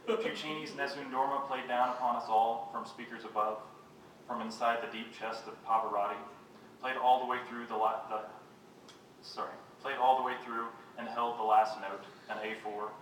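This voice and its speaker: A man giving a live poetry reading, reading his own poems in a measured, unhurried way and making wry, self-mocking jokes between them. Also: mid-range voice, fairly even intonation, a bit bright. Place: reading venue with a live audience. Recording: very echoey room, voice picked up from a distance, faint background noise.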